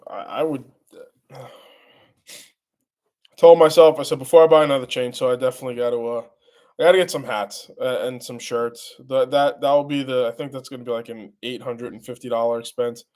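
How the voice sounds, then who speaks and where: A man's voice: medium pitch, fairly even intonation, darkish tone. A congested man hosting a casual live stream, rambling and restarting his sentences as he answers the chat. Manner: rambling, halting, many restarts.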